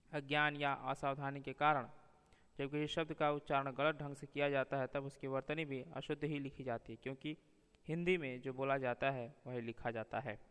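A man teaching a grammar lesson, reading pairs of words slowly and deliberately, one after another. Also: medium pitch, fairly bright tone, smooth. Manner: slow, deliberate word-by-word reading of spelling pairs. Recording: long reverb.

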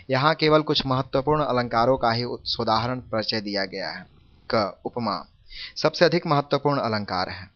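A man reads a formal literature lesson in a steady, measured voice at a middle pitch. He slows down noticeably whenever he recites a verse example. The recording sounds dull and lo-fi. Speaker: reader of a literature textbook.

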